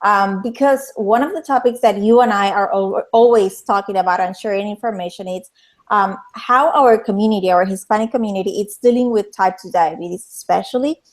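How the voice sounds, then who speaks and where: A woman's voice: mid-range voice, fairly quick. Puerto Rican-accented woman talk show host. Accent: Puerto Rican Spanish. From Puerto Rico. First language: Spanish. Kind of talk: interview hosting.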